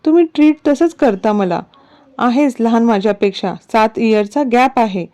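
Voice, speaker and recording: A woman's voice: fairly high pitch, moderate pace, warm tone, close to an everyday voice. A woman voicing a playful young wife who coaxes and sulks in a narrated story. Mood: coaxing. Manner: coaxing, pouty. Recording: dull lo-fi recording.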